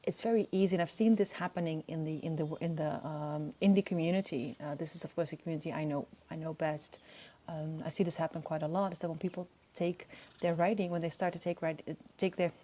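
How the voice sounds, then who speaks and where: A woman in her early thirties speaks outdoors on an open-air balcony. Her voice sits a bit low, with a dark, relaxed, soft tone. She chats to camera informally, wandering and hesitating as she rephrases herself. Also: fast talker. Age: early 30s. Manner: hesitant, rambling delivery with self-corrections. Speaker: video host. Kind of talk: casual monologue to camera.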